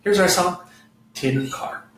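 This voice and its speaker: A man teaching an online children's music lesson, leading slow, patient call-and-response. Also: high voice, a bit bright, recorded from a distance, slight background noise. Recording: echoey room with guitar playing.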